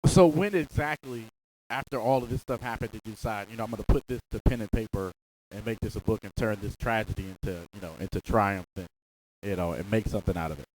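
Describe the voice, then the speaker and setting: A man's voice: on the low side, fast, a little mellow, a little hiss or hum, low-quality recording. A man hosting a radio interview in a casual, conversational style, responding to his guest and asking questions.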